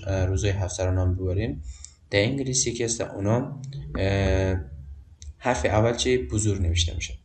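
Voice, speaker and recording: A man with an Afghan Dari accent explains basic English grammar in a patient, repetitive way, stopping often on hesitations. His voice sits fairly low, picked up from a distance in a room with a noticeable echo. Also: a little mellow. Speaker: English teacher. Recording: roomy echo, distant mic.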